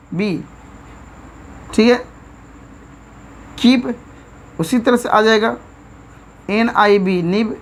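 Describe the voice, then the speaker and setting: Indian lady teaching english words, spells each one out slow, keeps saying theek hai. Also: mid-range voice. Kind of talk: online vocabulary lesson.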